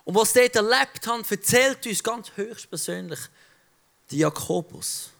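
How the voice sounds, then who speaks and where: A man's voice: extremely high pitch, moderate pace, creaky, a bit bright. A male preacher giving a sermon, speaking directly and conversationally to his listeners. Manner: direct, conversational address to the audience.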